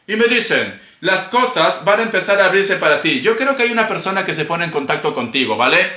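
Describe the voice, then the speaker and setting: Male tarot reader, playful and chatty, slightly high voice, echoey home room. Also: big pitch swings, fairly quick, pushed and bright. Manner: chatty, playful, calls viewers cariño; bursts into singing and laughter. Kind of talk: casual tarot reading to camera.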